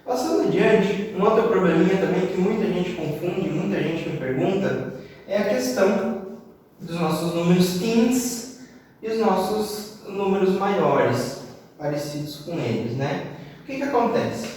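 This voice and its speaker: A high-voiced man from Brazil teaches a class, repeating each word slowly so students can copy it. He is recorded from a distance in a very echoey room with a long reverb tail and faint background noise. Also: animated, darkish tone. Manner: explains step by step, repeating words slowly for drill. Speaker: English teacher. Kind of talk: classroom lesson. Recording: roomy echo, voice off-mic with long reverb.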